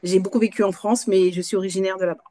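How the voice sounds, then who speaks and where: Brief: woman in her fifties from Guadeloupe, interview guest, middle pitch, halting and pausing as she answers. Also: steady tone, mellow. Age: 50s. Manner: halting, searching for words between pauses. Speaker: guest, night nurse.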